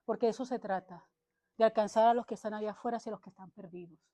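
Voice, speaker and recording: A woman's voice: mid-range voice, fairly even intonation, rapid-fire, dark tone. A woman preacher delivering a fervent sermon to a church that is also streamed online, punctuating her phrases with "amén". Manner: fervent and exhorting, driving each point home. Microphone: livestreamed to social media.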